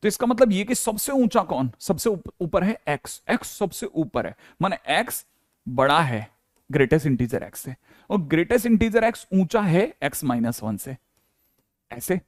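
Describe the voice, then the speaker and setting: A chatty man teaching maths at a board, with a fairly high voice recorded close and dry, with no room sound. He keeps checking in with the class and puts on the students' questions himself. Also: lively intonation, measured pace, dry recording. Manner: chatty, repeats "ठीक है" often, acts out students' questions.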